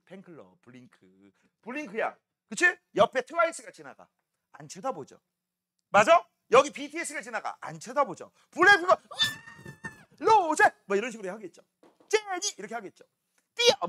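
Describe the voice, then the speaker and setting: High, animated male science teacher. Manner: animated, joking, constantly checking with students. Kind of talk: classroom science lecture.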